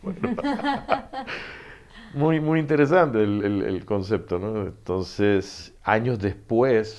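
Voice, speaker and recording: Middle-aged panamanian guy, very low voice, spins stories and does the lines. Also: a little slow. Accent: Panamanian Spanish. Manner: animated storyteller, acts out dialogue, laughs often. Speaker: author guest. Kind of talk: casual interview storytelling.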